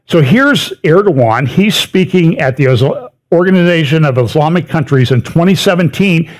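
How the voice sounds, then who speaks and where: A middle-aged man gives a conversational lecture over slides as an update on prophecy. His slightly high voice is animated and moves at a moderate pace, and he stresses words by repeating them and slips in wry asides.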